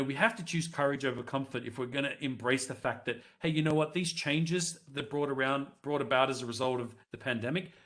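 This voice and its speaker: A man's voice: medium pitch, a bit bright. Man presenting a live webinar on headset. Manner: conversational, addresses the audience directly and runs live polls.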